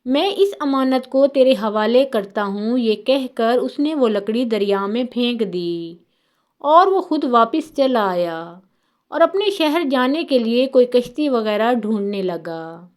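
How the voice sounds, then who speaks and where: A woman narrating religious stories in a calm, measured, scripted way. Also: fairly high pitch. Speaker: storyteller.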